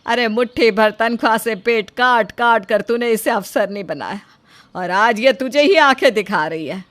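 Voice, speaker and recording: A woman's voice: on the high side, normal speed, a bit bright, natural voice. A woman voicing a blunt, uneducated mother-in-law from a village, scolding and outspoken. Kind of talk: Hindi storybook voice acting.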